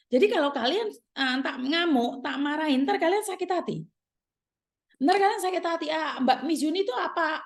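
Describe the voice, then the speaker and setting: Seorang wanita paruh baya berlogat Jawa yang tegas dan berulang-ulang menasihati penontonnya dalam vlog. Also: female voice, sits high, darkish tone. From Indonesia. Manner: firm, repetitive, emphatic. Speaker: channel host giving advice to migrant workers. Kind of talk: scolding monologue to viewers.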